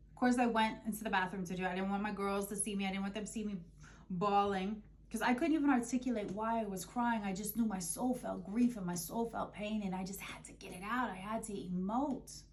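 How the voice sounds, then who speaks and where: A woman's voice: medium pitch, fairly even intonation, a little fast, a little hiss or hum. A woman giving a casual spiritual tarot reading, emotional and openly swearing, calling her listeners babe and boo. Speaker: tarot reader.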